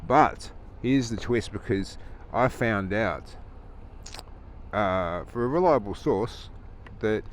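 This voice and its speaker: A man's voice: lowish voice, expressive, slow pace. A man talking from inside a motorcycle helmet in a casual, rambling, opinionated rant, as a motovlogger. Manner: opinionated, chuckling, conversational. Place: inside a helmet while riding a motorcycle outdoors. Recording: inside motorcycle helmet, engine and traffic noise.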